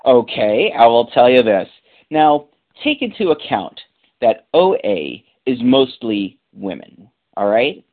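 A man's voice: medium pitch, very animated, slow pace. A man answering a question at a recovery meeting, giving casual, emphatic advice with street slang and a lot of repetition. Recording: tinny phone line.

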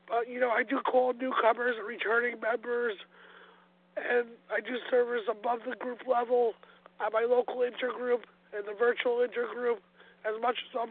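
A woman with a thick New Jersey accent and a congested smoker's rasp, sharing informally at a meeting and repeating words haltingly. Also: on the high side. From New Jersey, United States. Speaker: member sharing at a recovery meeting. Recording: tinny phone line with some noise.

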